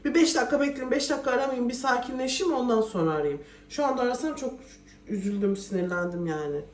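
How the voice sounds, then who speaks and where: A woman's voice: a little high, quick pace, darkish tone. A woman vlogging casually at home, chatty and often exasperated as she complains. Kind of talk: casual home vlog chat. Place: home kitchen. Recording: echoey room, voice from a distance, faint noise.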